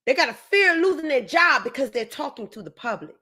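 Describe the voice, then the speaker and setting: Lady ranting to her viewers, super high bright voice, keeps saying stuff twice. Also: very animated, fast. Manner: emphatic, keeps repeating herself for stress. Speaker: commentary host.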